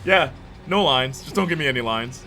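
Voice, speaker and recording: This male gaming streamer keeps up a joking, chatty banter with viewers and laughs often. His voice is mid-range and animated, at normal speed with a sharp tone, over a hissy background.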